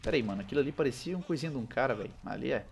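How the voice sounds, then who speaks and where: A young man with a Brazilian Portuguese accent giving casual, slangy commentary over his own gameplay, with excitable loud outbursts. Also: medium pitch, very fast, vocal fry, a little hiss or hum. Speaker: gaming channel host.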